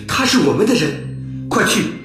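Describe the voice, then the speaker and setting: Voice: medium pitch, sing-song, unhurried. A performer plays a terse, urgent guide giving instructions in a language-learning radio drama. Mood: urgent, commanding. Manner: terse, directive. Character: commanding secret mission guide, urgent and instructive. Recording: echoey, music behind.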